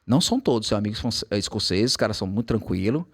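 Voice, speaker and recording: A man's voice: fairly low pitch, racing, slightly rough. A man with a Brazilian Portuguese accent, an English teacher telling stories in casual chat and slipping into quoted English. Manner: animated storytelling, switching into quoted English.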